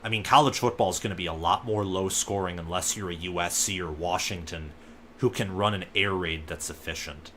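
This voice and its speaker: A young man casually commenting on a football game as it happens, thinking aloud with relaxed asides. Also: sits low, a little fast, slight background noise. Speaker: live reaction host.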